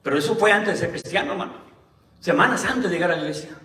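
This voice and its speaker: High-voiced pastor in an echoey church. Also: male voice, animated, bright, forceful tone. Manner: keeps calling the listeners "brother" in almost every phrase; reads scripture aloud slowly and deliberately. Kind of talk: Sunday sermon. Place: church hall. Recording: roomy church hall, mic at a distance.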